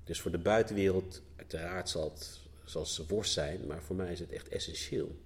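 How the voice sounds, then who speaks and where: Low-voiced male poet guest; thoughtful, hesitant delivery, lots of restarts. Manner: searching, halting, many restarts. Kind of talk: reflective conversational interview.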